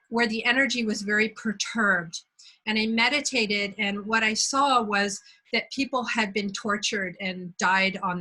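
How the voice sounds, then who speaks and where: A woman from Belgium hosting a conversation, telling a personal story in a reflective, unhurried way. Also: medium pitch, bright, forceful tone, rough recording. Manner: reflective, unhurried, searching for words. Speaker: host.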